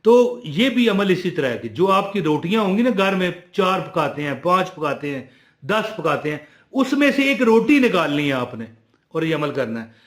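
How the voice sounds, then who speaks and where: A man telling a religious story, animated, moving between loud emphasis and quiet asides. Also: fairly high pitch, normal speed, reverberant.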